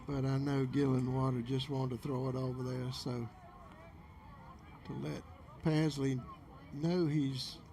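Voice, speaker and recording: A man's voice: mid-range voice, flat delivery, unhurried, long pauses, dark tone. A man giving play-by-play baseball commentary for local television from an outdoor game.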